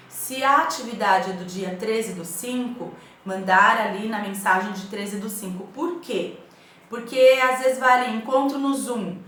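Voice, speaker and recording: A woman's voice: mid-range voice, fairly bright tone. A Brazilian woman teacher records a lesson for her pupils at home. She talks in a chatty, encouraging way and keeps checking that they follow. Her mid-range voice rings out in a strongly echoing room. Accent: Brazilian Portuguese. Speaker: schoolteacher.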